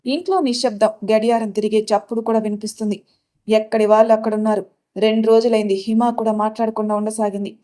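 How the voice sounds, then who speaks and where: A woman narrating a family story in a steady storytelling manner. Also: fairly high pitch, quick pace.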